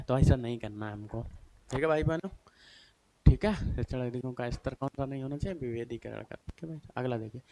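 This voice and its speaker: A man's voice: mid-range voice, warm tone, a little hiss or hum. A male teacher giving a chatty exam-prep lesson, asking and answering his own questions and checking in with his students over and over. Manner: chatty, repeats "theek hai" and "bhai sahab" often.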